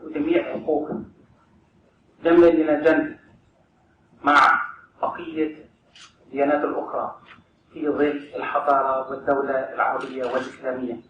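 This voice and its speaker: A man from the Palestinian territories with an Arabic accent gives a formal witness statement to a tribunal, his medium-pitched voice level in tone. He speaks very fast but with long pauses. The muffled recording was made from a distance in an echoey courtroom with a hum in the background.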